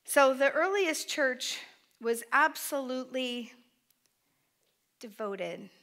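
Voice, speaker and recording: A middle-aged woman preaches a heartfelt sermon at an unhurried pace. Her voice sits a little high. She speaks from a small stage in a church hall, caught by a microphone some way off. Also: expressive. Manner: heartfelt, tearful at times, with soft laughs. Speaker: pastor.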